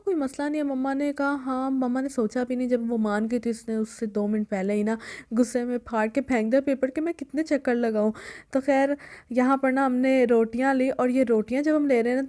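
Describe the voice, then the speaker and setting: A woman's voice: a little high, dark tone. Chatty young woman. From Pakistan. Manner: chatty, rambling, keeps restarting with "anyway". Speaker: vlogger. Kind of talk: casual storytelling vlog.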